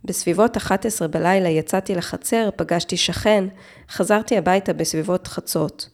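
Low-voiced woman narrating true crime. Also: darkish tone. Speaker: podcast narrator.

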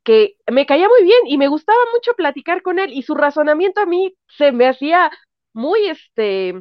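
Woman guest, higher voice, muffled lo-fi call line, chatty and filler-heavy. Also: very animated, moderate pace, dry recording. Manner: chatty, laughs often, fillers like "este". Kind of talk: casual chat. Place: at home, in bed.

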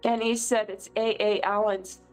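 A middle-aged woman from California giving an earnest, emotional testimony as an interview guest, telling stories with lively feeling. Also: mid-range voice, moderate pace, soft background music, rough recording. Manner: emotional, earnest, animated storyteller. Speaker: political candidate, guest.

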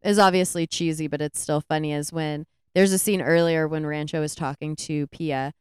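A woman co-hosting a podcast, retelling a film's plot in a rambling, animated way with lots of "like"s. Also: low voice, moderate pace, clear, resonant tone, dry recording, studio quality. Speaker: podcast co-host. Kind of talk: casual movie review chat.

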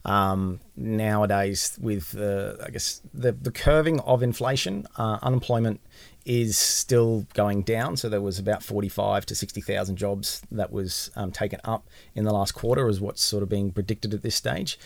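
Aussie guy explaining money stuff on a podcast, lowish creaky voice, hedges a lot. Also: steady tone, moderate pace, dry recording. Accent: Australian. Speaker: guest finance professional. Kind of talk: casual explanatory podcast talk.

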